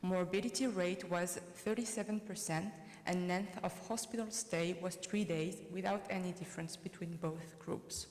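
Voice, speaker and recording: French-accented woman surgeon, conference talk, boomy hall. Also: steady tone, normal speed, hardly any pauses, a little mellow. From France. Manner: reads formally, hesitant with fillers when answering. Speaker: surgeon presenting research. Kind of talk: conference presentation. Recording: echoey conference hall reverb.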